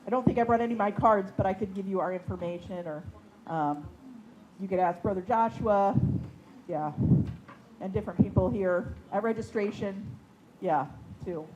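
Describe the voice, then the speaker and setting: A woman's voice: medium pitch, moderate pace, muffled recording. A woman leading a puppetry workshop, chatting casually to her class with lots of fillers. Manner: chatty, many fillers, laughs easily. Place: indoor seminary classroom. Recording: faint background noise.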